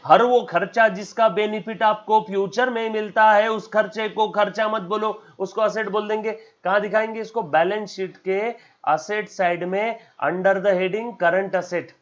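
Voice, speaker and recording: With a high-pitched voice and an Indian accent, a man teaches accounts in a classroom-style lecture, repeating key terms and frequently asking "yes or no?" He calls his students "beta" and acts out their questions, and the audio sounds dull.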